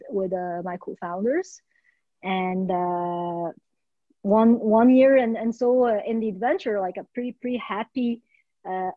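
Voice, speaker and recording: Woman guest from Morocco, mid pitch, dry muffled sound, halting and filler-heavy. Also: dark tone, no room sound. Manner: halting, many fillers and repeats. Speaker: guest, startup founder. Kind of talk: interview conversation.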